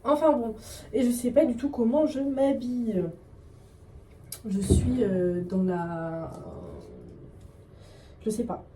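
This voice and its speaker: A woman's voice: fairly high pitch, slow, long pauses, dark tone, recorded from a distance. A young woman vlogging casually at home while getting ready, rambling and self-mocking in slangy talk. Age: young adult. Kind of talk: casual vlog chat. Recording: echoey room, voice off-mic, faint background noise.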